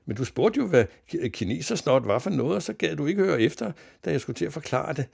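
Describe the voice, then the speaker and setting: A man voicing a cheeky seven-year-old boy in a read-aloud children's story, keeping a gravelly, husky edge. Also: fairly high pitch, very animated, no room sound, clean studio sound, voice pushed up, exaggerated voice. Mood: protesting. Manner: bright, eager, lightly raised voice.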